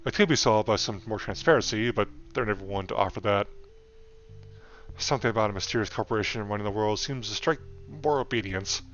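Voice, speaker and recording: A man's voice: on the low side, brisk, fairly bright tone. A male game streamer reading a visual novel aloud and dropping in casual asides. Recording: dull muffled sound, music behind.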